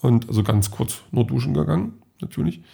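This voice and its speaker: A man's voice: medium pitch, animated, fairly quick, gravelly, dark tone, breathy edge. A man casually telling about his day in a rambling vlog monologue, correcting himself often. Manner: rambling, self-correcting, many fillers. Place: at home.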